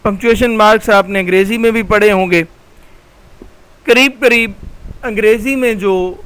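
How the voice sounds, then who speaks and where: A male college lecturer explaining grammar over slides in a patient, explanatory way, slowing down and repeating key terms. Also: sits high, a bit bright, smooth, low-quality recording.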